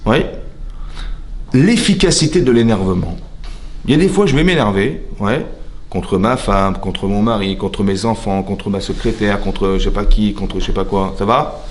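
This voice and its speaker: A man, a rabbi, giving a lively religious lesson. He asks rhetorical questions and keeps checking that his listeners follow him. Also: lowish voice, moderate pace, a little hiss or hum. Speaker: rabbi teaching a class. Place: lecture hall.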